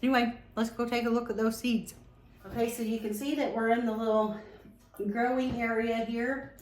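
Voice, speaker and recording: A woman hosting a casual home vlog, chatty and relaxed with many ums. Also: on the high side, moderate pace. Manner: talks while tasting, mouth full. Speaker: home cooking vlogger. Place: home kitchen and growing room. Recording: roomy home echo.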